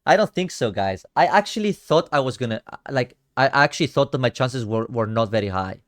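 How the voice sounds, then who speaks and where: Expressive and a little fast in a medium-pitched voice, a young streamer from Cyprus with a Greek Cypriot accent reviews his own card game matches. He chats with viewers casually, using slang, addressing chat and frequently sinking into a mutter.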